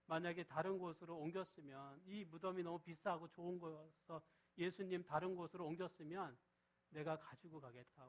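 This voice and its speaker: A middle-aged man preaching a sermon as pastor, often asking the congregation a question and answering it himself, moving between loud stressed phrases and soft, low reading of scripture. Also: lo-fi sound.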